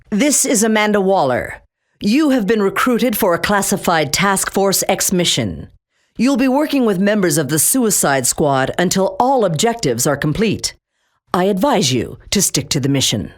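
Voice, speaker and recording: A woman's voice: on the low side, sing-song, normal speed. An actress playing Amanda Waller, a stern, commanding female government agency chief in a video game, with a cold, clipped, threatening delivery.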